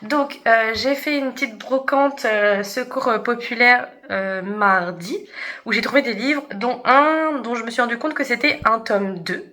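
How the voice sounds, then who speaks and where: A woman's voice: on the high side, a little slow, pushed and bright. A young woman chatting casually in a book vlog, hesitant with many fillers. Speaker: book vlogger.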